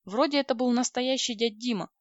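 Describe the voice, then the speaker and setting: A woman reading a first-person audiobook in a lively, wry, expressive manner. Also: fairly high pitch, fairly quick, no room sound. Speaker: audiobook reader. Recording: dry, slightly dull recording.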